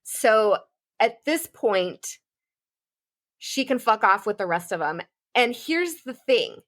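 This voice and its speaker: A woman's voice: fairly high pitch, sing-song, takes it slowly, a bit bright. A woman co-hosting a pop culture podcast, talking in a casual, fired-up and profane way. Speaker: podcast co-host.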